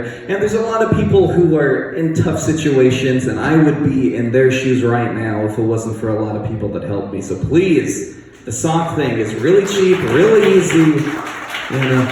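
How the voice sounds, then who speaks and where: A man doing a stand-up set at an open mic, rambling and deadpan, jumping high in pitch for punchlines. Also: heavy reverb, long reverb tail, far from the mic, a little hiss or hum, poor audio. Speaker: stand-up comedian. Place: comedy bar open mic.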